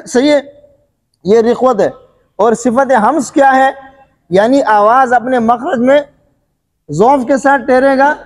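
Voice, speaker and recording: A man teaching a Quran recitation lesson, quizzing his listeners with repeated questions and answers, coughing and clearing his throat now and then. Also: very high-pitched, long reverb tail. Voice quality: repetitive question-and-answer teaching, frequent filler phrases. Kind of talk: classroom tajweed lesson.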